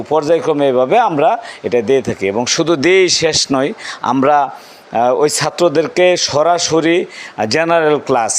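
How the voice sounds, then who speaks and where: A man from Bangladesh, a madrasa principal, speaking informally to parents and often restarting and correcting himself. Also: a little high. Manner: speaks plainly with frequent restarts and self-corrections.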